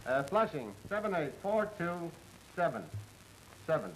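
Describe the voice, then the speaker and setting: A man's voice: fairly high pitch, sing-song, unhurried, a bit bright, a little hiss or hum, rough recording. An actor playing an obliging male fence who casually arranges deals over the phone. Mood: businesslike. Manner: easygoing, casual, talks business on the phone. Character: smooth male fence, obliging gangland fixer.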